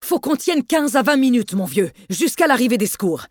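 A narrator voicing a male doctor who barks urgent orders at an accident scene, pitched higher and louder than their own reading voice. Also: lively intonation, normal speed, no echo, studio quality, natural voice. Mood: commanding. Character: authoritative male doctor taking charge.

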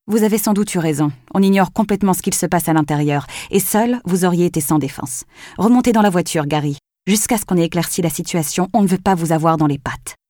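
A commanding female police sergeant, read by a woman narrator, snapping brisk orders and shouting out for anyone inside. The voice is pitched up from a dark, low base. The recording is close and dry, with no room sound. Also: no echo, lightly acted. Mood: firm. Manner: brisk, calls out loudly into the dark.

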